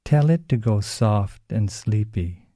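A man gently leading children through a slow, soothing guided relaxation exercise. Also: fairly low pitch, animated.

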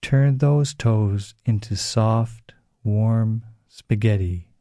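A man gently leading children through a slow, soothing guided relaxation exercise. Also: lowish voice, loud music behind the voice.

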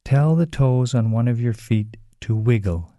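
Guy talking kids through relaxation, real slow and calm, very dark mellow voice. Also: mid-range voice, no room sound, studio quality. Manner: slow, soothing, gentle instructions. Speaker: relaxation guide for children. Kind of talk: guided relaxation script.

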